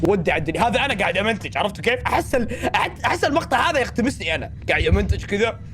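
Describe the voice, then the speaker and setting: A man reacting to horror clips, excitable and joking with shouted exclamations. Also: high-pitched, very fast, noisy background. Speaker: reaction video host.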